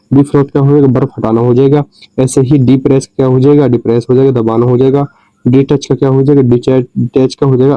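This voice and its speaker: Dark-voiced man teaching word by word. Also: medium pitch, dry recording, poor audio. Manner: slow, repetitive explaining with rhetorical questions. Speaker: English teacher. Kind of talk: screen-recorded pronunciation lesson.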